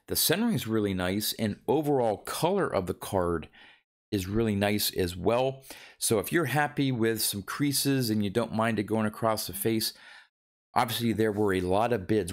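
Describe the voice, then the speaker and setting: A man presenting a top ten countdown in a casual, unscripted way, thinking aloud hesitantly as he comments. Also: lowish voice.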